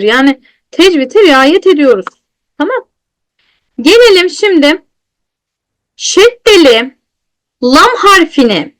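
A high-pitched woman leads an online lesson on reading the Quran correctly. She speaks in a patient teaching tone and answers her own questions. She draws out each letter sound slowly when she demonstrates it.

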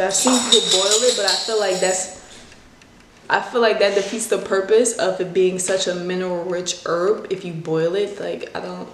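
A woman vlogger giving a casual how-to chat, rambling with many fillers into a handheld phone. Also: medium pitch. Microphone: handheld phone mic. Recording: echoey room with faint noise.

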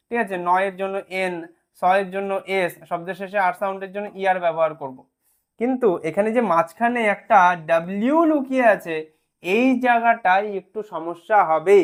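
An English spelling teacher giving an online lesson, patiently sounding words out syllable by syllable and often checking that students follow. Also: medium pitch.

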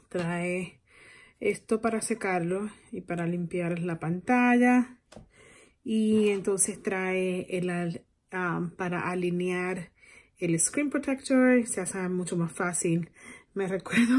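A woman in her thirties chats casually to the camera for her personal vlog, switching between English and Spanish. Her mid-range voice is a little mellow, and she's filmed in a parked or moving car and in small rooms at home.

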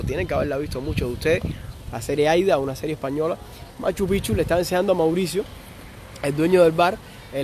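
A man's voice: fairly high pitch, noisy background. A young man with a Cuban Spanish accent, chatting casually on a live stream, reading viewer comments aloud and answering them. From Cuba.

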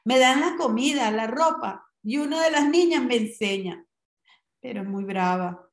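A woman's voice: sits high, a little slow, roomy sound, pitched above the performer's own voice. A woman voicing a timid, tearful little orphan girl who works as a servant, pleading as she talks. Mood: earnest.

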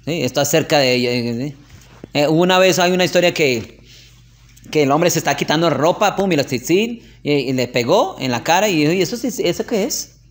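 Chatty man teaching a class. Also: fairly high pitch. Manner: chatty, asks "¿ok?" often, tells anecdotes with laughter. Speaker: religious teacher. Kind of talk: informal classroom lesson.

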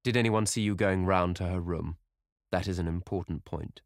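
A man reading an audiobook, voicing a worldly aristocratic gentleman who speaks in a cool, measured and drily witty way. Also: sits low, no echo, clean studio sound. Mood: calm, worldly.

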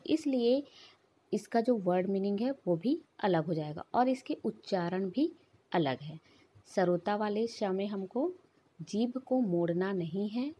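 A woman teacher talking children through English sounds in an unhurried, patient way. Her voice is mellow and a little husky, and she repeats each example slowly. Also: medium pitch. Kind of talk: English phonics lesson.

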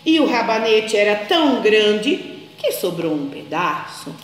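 A Brazilian woman, a teacher, telling a picture-book story to young children in a slow, sing-song, affectionate way. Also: medium pitch, very animated, a little hiss or hum. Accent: Brazilian Portuguese. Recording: echoey room, long reverb.

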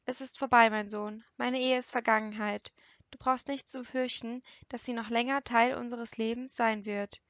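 A grief-stricken middle-aged father breaks down and pleads in a tearful, cracking voice, as a woman reads him. The reading sits on the higher side and is recorded close and dry, like a storybook narration. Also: steady tone, normal speed, a bit bright, dry recording, muffled recording. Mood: distraught.

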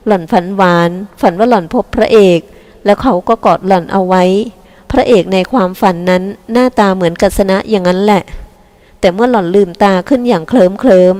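Calm woman reading a novel aloud. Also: medium pitch, brisk, big-room sound. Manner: calm, even storytelling. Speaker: audiobook reader. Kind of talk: scripted narration.

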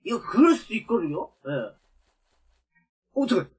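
A woman playing a video game and commenting as she goes, talking to viewers and exclaiming loudly when startled. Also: medium pitch, sing-song, moderate pace, husky. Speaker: game streamer. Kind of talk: let's play commentary.

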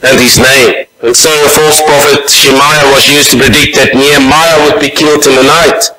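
A man preaching a sermon as pastor in a church, slow and deliberate, reading scripture aloud. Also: on the high side, steady tone, reverberant, over a noisy crowd, poor audio.

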